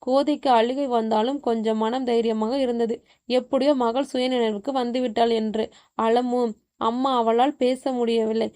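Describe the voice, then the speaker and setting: A woman reading a horror story aloud as a storyteller, in an even, measured way. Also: on the high side, smooth. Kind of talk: scripted horror story narration.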